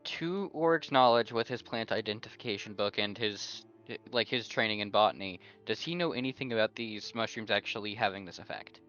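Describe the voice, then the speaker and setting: A man's voice: lowish voice, fairly quick, few pauses, fairly bright tone, soft background music. A man playing in a tabletop game, blunt and matter-of-fact in his requests. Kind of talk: casual chat at a game table. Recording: dull lo-fi mic.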